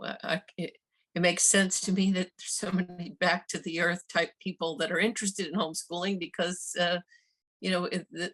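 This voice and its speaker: Older woman reminiscing on a video call. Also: lowish voice. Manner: rambling, warm reminiscing with restarts. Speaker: former office worker sharing memories. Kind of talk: casual video call conversation.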